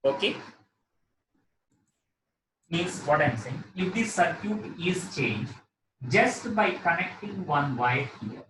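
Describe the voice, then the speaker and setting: South Indian accent, male teacher, questioning and repetitive, highish voice, distant mic, noisy background. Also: animated, slow, pauses often, reverberant. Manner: repeats phrases, often tags with "okay". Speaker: physics teacher. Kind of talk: live lesson, working through problems and questioning a student.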